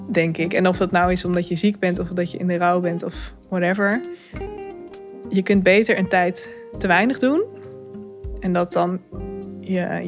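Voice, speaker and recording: Candid Dutch-speaking woman, reflective. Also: lowish voice. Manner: thoughtful, candid, many fillers, soft laughs. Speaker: communications adviser telling her story. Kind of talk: personal account, reflective.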